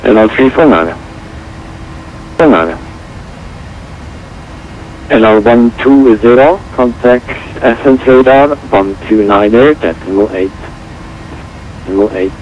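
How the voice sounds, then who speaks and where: A man speaks as an air traffic controller in short, procedural phrases. His mid-pitched voice comes through a dull aviation radio channel with some background noise. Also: lively intonation, slow pace, pauses often. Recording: muffled, noisy aviation radio transmission.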